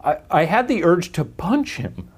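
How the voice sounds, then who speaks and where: A man's voice: sits high, very animated, a little slow, husky. A young adult man co-hosting a casual talk show, joking around and laughing often. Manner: playful, laughs often, jokey asides. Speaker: co-host. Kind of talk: casual chat.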